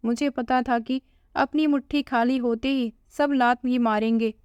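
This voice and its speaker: A sick elderly father-in-law speaks with weary resignation, as a woman storyteller puts him on. The voice stays fairly high and smooth, in a dry, dull lo-fi recording. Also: fairly even intonation, unhurried, darkish tone, no room sound, lightly acted. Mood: resigned.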